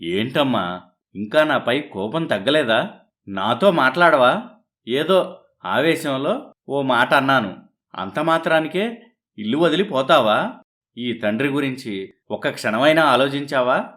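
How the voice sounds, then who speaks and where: A man's voice: mid-range voice, expressive, measured pace, pauses often, a bit bright. A man voicing a loving, wealthy middle-aged father in a cartoon story, emotional and pleading with his daughter. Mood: hurt, pleading. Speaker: father character.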